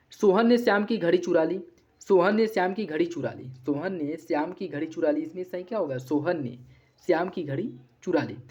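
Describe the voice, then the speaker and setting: On a dull lo-fi recording, a teacher with a medium-pitched, slightly mellow voice runs an exam-prep grammar lesson. Corrections come fast, following a set drilling routine.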